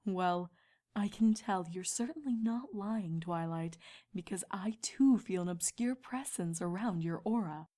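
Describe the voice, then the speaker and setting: A woman voicing a kindly, mature pony princess and mentor in a cartoon-style fan story, with a composed, regal, measured manner. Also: mid-range voice, warm tone, lightly acted. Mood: thoughtful.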